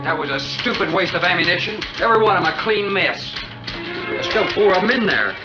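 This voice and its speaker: An actor playing a ship captain who gives brisk, commanding orders, heard on a dull old film soundtrack with loud music. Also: male voice, sits high, animated, echoey room. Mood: urgent. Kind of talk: 1950s film acting.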